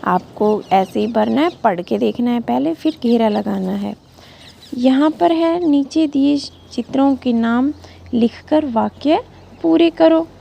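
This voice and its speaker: Schoolteacher, female, slow and deliberate, a bit high, asks young pupils questions as she reads. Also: lively intonation, creaky, mellow, a little hiss or hum. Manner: patient, sounds out syllables slowly and asks the class questions. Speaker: school teacher. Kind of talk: reading lesson for young children.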